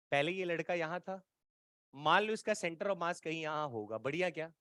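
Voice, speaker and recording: A man's voice: fairly high pitch, a little slow, pushed and bright, smooth, dry recording, clean studio sound. A man teaching an exam-prep physics lecture, coaxing and colloquial, often checking whether students follow. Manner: colloquial, playful teasing tone.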